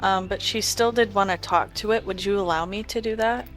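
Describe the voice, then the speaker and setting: A woman's voice: medium pitch, a little fast, a bit bright. A woman playing a tabletop fantasy game, talking casually and describing what her character does. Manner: narrates her character in third person. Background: background game music.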